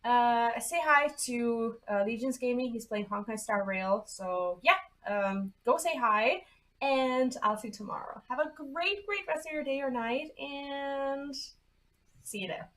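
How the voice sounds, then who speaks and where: Casual streamer: a high-voiced woman who rambles and swears while playing a game. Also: measured pace, fairly bright tone, poor audio. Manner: chatty, swearing, rambling with many "like"s and laughs. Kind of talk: casual live-stream chat.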